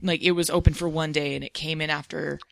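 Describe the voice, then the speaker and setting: A young woman co-hosting a casual podcast, chatty and playful with quick interjections. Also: low voice, little pitch movement, vocal fry, a bit bright, no echo. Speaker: podcast co-host. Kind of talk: casual chat.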